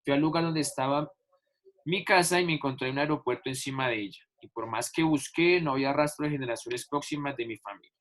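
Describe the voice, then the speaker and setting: A man's voice: mid-range voice, fairly quick, a bit bright. A male teacher explaining a lesson over a video call, patiently stretching out key words and repeating examples. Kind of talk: online class explanation.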